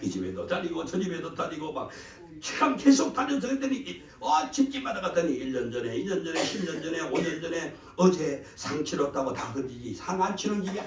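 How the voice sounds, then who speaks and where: A male pastor preaching a sermon in a lively, conversational way, having the congregation repeat his words in call-and-response. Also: on the high side, brisk, hardly any pauses. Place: church sanctuary. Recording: echoey church hall, mic at a distance.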